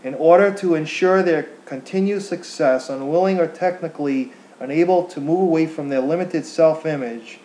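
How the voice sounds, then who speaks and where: A man reading a prepared text aloud as a diction exercise, enunciating deliberately and carefully, with occasional stumbles. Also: fairly high pitch, mellow. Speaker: acting student reading aloud. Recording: echoey untreated room.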